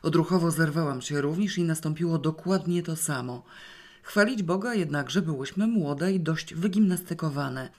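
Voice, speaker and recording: A woman's voice: sits low, moderate pace, a little mellow. Woman telling a wry audiobook tale. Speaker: audiobook reader. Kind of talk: first-person literary narration.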